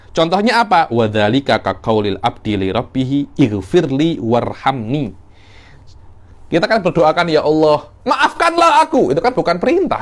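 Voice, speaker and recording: A man teaching Islamic legal theory in a class, explaining the text and acting out short examples. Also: fairly high pitch. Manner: explains in a mix of Malay and Arabic terms, with acted examples.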